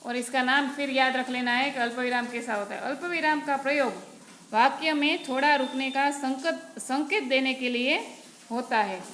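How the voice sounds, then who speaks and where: High-voiced woman teaching grammar. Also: moderate pace, fairly bright tone. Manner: patient, explains step by step, often says "barabar". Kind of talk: Hindi grammar lesson. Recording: echoey room with faint noise.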